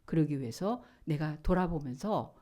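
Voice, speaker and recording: A middle-aged woman pastor preaching a sermon, telling a story dramatically, acting out shouted lines and dropping to whispers. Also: low-pitched, lively intonation, normal speed. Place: church.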